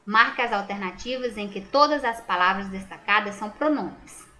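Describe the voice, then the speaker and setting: Speaking at normal speed, this Brazilian woman has a medium-pitched voice with a bright, forceful tone and a Brazilian Portuguese accent. As a teacher, she patiently walks through a school exam in a correction lesson, checking answers aloud and answering her own rhetorical questions.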